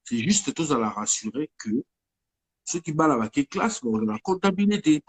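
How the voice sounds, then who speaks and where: This guest musician, a man with a Congolese accent, talks in French with a slightly high, sing-song, husky voice and a fairly quick pace. Suffering from a head cold, he chats loosely in the interview, wandering off topic and sprinkling in Lingala.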